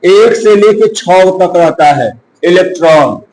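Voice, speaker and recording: A man's voice: high voice, lively intonation, slow, darkish tone, low-quality recording. A male coaching teacher, giving a chemistry lesson, asking and answering his own questions and counting aloud.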